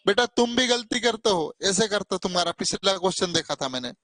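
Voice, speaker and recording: A man's voice: high-pitched, animated, quick pace, bright, forceful tone, dry recording. Coaxing male maths tutor, dry sound. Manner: coaxing, mildly scolding, calls students "beta". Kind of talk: live classroom teaching.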